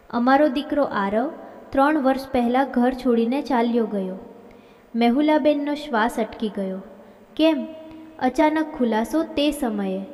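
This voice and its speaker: Woman reading a dramatic story, high voice, lots of hall echo. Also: a little mellow. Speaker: narrator. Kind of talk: scripted story narration. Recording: long hall reverb.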